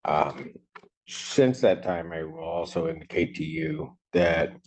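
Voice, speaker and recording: A man presiding as judge in a courtroom recording, speaking formally and haltingly with frequent pauses and filler sounds. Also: low voice, animated, darkish tone. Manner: measured, halting, many ums. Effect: courtroom audio recording. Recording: muffled courtroom recording, faint hiss.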